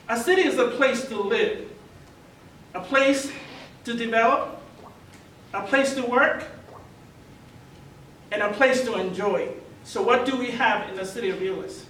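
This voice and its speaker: A man's voice: very high voice, pushed and bright. A man, giving an earnest candidate forum speech full of repeated rhetorical questions. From Tonga. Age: 50s. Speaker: mayoral candidate. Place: large meeting hall. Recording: echoey hall from far off, faint noise.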